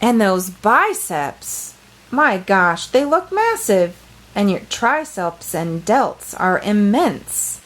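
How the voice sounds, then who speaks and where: A woman's voice: medium pitch, very animated, takes it slowly, rough recording. A woman voicing a suspicious, astonished young girl in a storybook, questioning and full of wonder.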